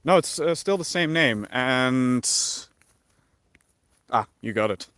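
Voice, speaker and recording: He speaks slowly in a mid-range voice, clean and free of room sound, as a man from the Netherlands with a gentle Dutch accent. Casual and reflective, he reads his livestream chat out loud and answers the questions.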